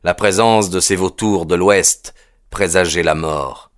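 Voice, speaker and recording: A man narrating a story in a measured, dramatic audiobook reading. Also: low-pitched, dry recording, clean studio sound.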